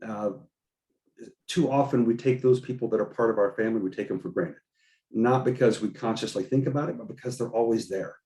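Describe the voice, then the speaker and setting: Male call host, motivational coach, mellow voice, echoey room, video call sound. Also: on the low side, a little fast. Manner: encouraging, upbeat, repeats words.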